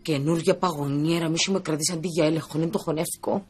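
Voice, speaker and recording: An actress playing a chatty, stubborn Cypriot wife in a sitcom, speaking Cypriot Greek with animated, whiny complaints. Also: female voice, low-pitched, husky. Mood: indignant. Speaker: Christina, comic wife in a sitcom.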